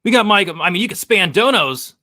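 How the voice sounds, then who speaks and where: A man's voice: high-pitched, expressive, fairly quick, pushed and bright, no room sound, clean studio sound. A man hosting a live fight watch-along, chatty and hyped, reading the chat aloud. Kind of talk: casual live-stream chat.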